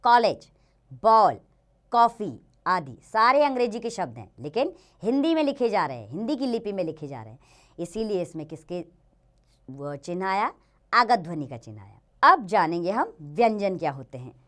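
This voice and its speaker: A woman teaching a children's Hindi grammar lesson, slowly sounding out each letter and example word and speaking to the children directly. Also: fairly low pitch, sing-song, a bit bright.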